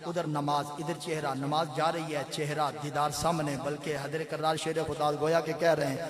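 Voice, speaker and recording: Man, Punjabi accent, fiery sermon, high voice, echoey hall, crowd behind. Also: little pitch movement. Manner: swings from low soft storytelling to loud sung cries. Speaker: preacher. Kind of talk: Urdu-Punjabi sermon with sung verses.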